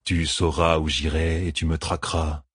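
Deep husky cold killer guy, calm and mocking, done by a male narrator, dry close sound. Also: moderate pace, no room sound, full character voice. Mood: cold menace.

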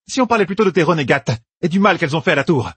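A man voicing a furious, tyrannical older woman ruler in an audiobook, haughty and shouting. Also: fairly high pitch, expressive, rapid-fire, slightly rough, dry recording, pitched above the performer's own voice, full character voice.

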